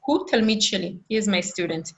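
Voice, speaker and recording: A woman teaching a Hebrew lesson over a video call, patient and encouraging, repeating phrases slowly for her students. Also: medium pitch, fairly bright tone. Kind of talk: online language lesson.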